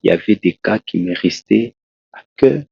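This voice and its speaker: A very low, gravelly man's voice with a husky edge, recounting his testimony haltingly and restarting his sentences. He is a preacher from Congo, speaking in a dry, dull, lo-fi recording. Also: animated, darkish tone, no room sound. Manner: slow, halting storytelling with many restarts. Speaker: preacher, guest. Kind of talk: testimony in a talk show interview.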